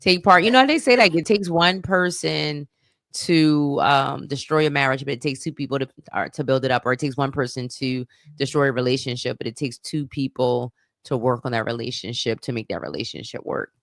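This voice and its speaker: A woman's voice: very deep voice, brisk, no room sound, clean studio sound. A woman co-hosting a relationship podcast in a casual, playful chat, laughing often. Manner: laughs often, playful, self-described radio voice. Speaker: podcast co-host.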